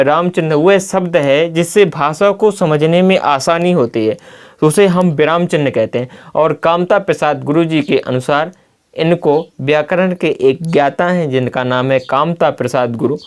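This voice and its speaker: A man teaching a grammar lesson at a blackboard. He often poses a key word as a question and then answers it himself. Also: a little high. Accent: Hindi. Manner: slow and deliberate, spelling out examples.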